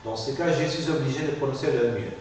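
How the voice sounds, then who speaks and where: A man's voice: medium pitch, quick pace, darkish tone. A man teaching a phonetics class. He explains step by step and keeps checking in with "ok?". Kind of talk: classroom lecture. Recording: echoey classroom from far off, faint hiss.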